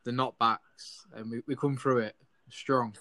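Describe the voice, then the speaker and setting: A man's voice: medium pitch, fairly even intonation, measured pace, pushed and bright. Earnest, encouraging man. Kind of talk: casual motivational chat.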